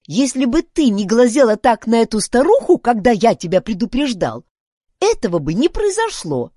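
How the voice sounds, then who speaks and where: A woman's voice: on the high side, very animated, normal speed, dark tone, dry recording, studio quality. A woman voicing a cautious boy detective who keeps warning his companion in a storybook. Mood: weary.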